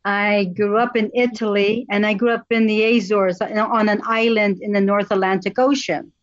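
A woman guest on a video call who tells her story openly and speaks slowly and warmly. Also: medium pitch, flat delivery, dry recording. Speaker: guest, artist and activist. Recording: dry, dull video-call audio.

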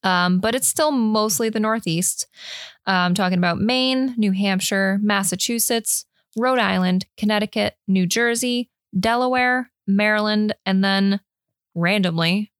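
Speaking at a measured pace, this podcast host has a medium-pitched, clean-toned voice captured in a dry, studio-quality recording. Her casual talk about beer is partly read from notes, and she keeps things informal and self-deprecating as she moves between chat and notes.

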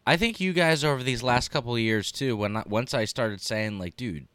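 A man's voice: mid-range voice, moderate pace, clean tone, dry recording. A man co-hosting a podcast, talking casually with lots of fillers and emphasis. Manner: animated, filler-heavy, emphatic. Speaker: podcast co-host. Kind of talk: casual chat.

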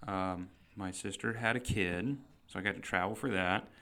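A man's voice: low-pitched, steady tone, normal speed, bright, forceful tone. A man co-hosting a podcast in casual chat, joking in a dry, teasing, self-deprecating way. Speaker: podcast co-host.

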